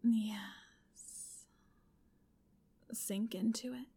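A woman's voice: a little high, steady tone, extremely slow, dark tone, husky. A woman in a whispered ASMR roleplay, speaking in an intimate, commanding whisper.

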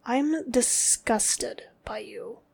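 A woman speaks in a commanding, scornful tone, dropping often into a whisper. Her delivery is very slow and deliberate, with long gaps between short phrases, and her voice sits on the higher side. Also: gravelly, a little mellow, breathy edge. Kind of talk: scripted dominant roleplay audio.

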